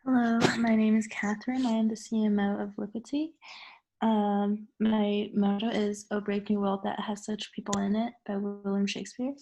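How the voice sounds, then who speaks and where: A young woman from the United States giving a steady, formal student self-introduction. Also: mid-range voice, moderate pace, rough recording. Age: young adult. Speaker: student presenter.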